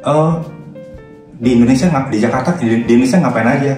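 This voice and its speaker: A man guest in casual chat, telling a story in an animated way and acting out the dialogue. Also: mid-range voice, brisk, recorded from a distance, soft background music. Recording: echoey room, away from the mic.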